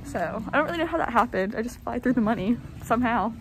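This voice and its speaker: A teenage girl with a fairly high voice, chatting in an offhand, joking way. Music plays clearly in the background. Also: lively intonation, fast, rough recording. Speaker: vlogger. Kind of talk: casual vlog.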